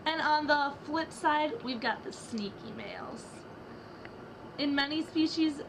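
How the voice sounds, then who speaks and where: A young woman with a high voice gives a dramatic reading of rap lyrics for a student project, trading rhythmic lines with a partner. The background is noisy.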